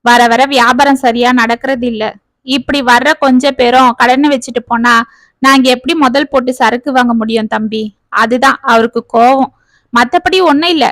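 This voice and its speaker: Woman doing a gentle shopkeeper's wife. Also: on the high side, fairly even intonation, normal speed, no echo, natural voice. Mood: reassuring. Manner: gentle, reassuring.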